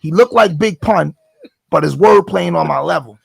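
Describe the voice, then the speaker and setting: A man with a thick New York accent and a deeply gravelly, raspy voice, pitched a bit high for a man. He tells animated, profane stories as a guest rapper in a casual sit-down chat, recorded dry and close. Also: moderate pace, no echo. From the Bronx, New York. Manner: animated storytelling, swears freely.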